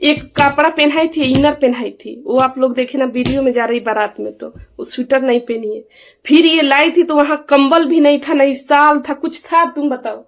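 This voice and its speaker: There is slight background noise as this middle-aged woman speaks in a high voice at normal speed. Playing an aggrieved mother with a family grievance in a casual vlog, she is emphatic and keeps asking others to side with her.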